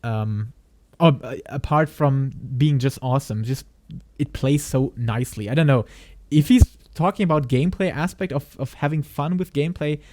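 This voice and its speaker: A man's voice: mid-range voice, moderate pace, a little mellow, no room sound. A man streaming a reaction video, talking hesitantly with frequent restarts and laughs. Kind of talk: live stream reaction commentary.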